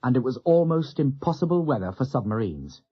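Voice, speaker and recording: A man narrating a war novel as an audiobook in a measured, dramatic way. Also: mid-range voice, sing-song, slightly rough. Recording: dull lo-fi audio.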